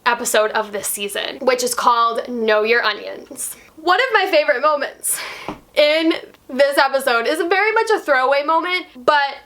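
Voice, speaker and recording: Bright, high-voiced excitable woman. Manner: gushing, excitable, quick asides. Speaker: TV review vlogger. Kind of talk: enthusiastic fan review.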